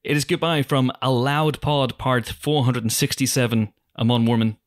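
A man's voice: mid-range voice, fairly even intonation, normal speed, dry recording. A man hosting a podcast, joking playfully through the sign-off. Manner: jokey, playful sign-off patter. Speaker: podcast host. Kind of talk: casual podcast chat.

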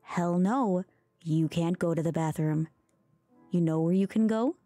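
A woman reads a bedtime storybook aloud in a soft, ASMR-style voice, unhurried and mellow in tone. She slips into whispers now and then and makes mock-exasperated asides, with faint music playing behind her. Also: lowish voice, dry recording. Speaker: streamer reading aloud.

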